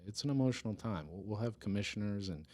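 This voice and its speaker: A man with a very low, deep voice talks through a casual podcast interview about his police department's work. He is earnest, stops and restarts often, and laughs easily. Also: animated, quick pace, a little mellow. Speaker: police department chief of staff, guest.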